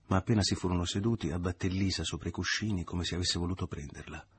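Deep husky male audiobook narrator. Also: fast talker.

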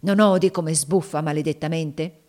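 A woman's voice: low-pitched, fairly even intonation, moderate pace, darkish tone, lightly acted. A woman voicing a brutal, cursing male slave master who is secretly frightened, in an audiobook reading. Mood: blustering, uneasy. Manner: blustering, cursing.

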